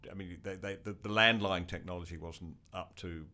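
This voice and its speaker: A man hosting a conversational talk, relaxed with stumbling restarts. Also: low voice, moderate pace. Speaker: host.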